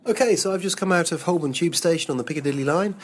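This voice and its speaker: A man's voice: a little high, quick pace, slight background noise. A man working as a walking tour guide, chatting enthusiastically as he walks outdoors through the city and describes the sights around him. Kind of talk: on-location podcast narration. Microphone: handheld recorder on location.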